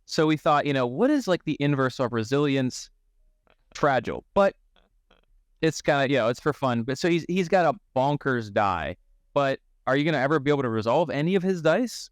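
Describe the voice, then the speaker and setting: Animated American man co-hosting. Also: medium pitch, fairly quick, no echo, studio quality. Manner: lively, hyped-up delivery. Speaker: podcast co-host presenting fan card designs. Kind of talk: casual chat.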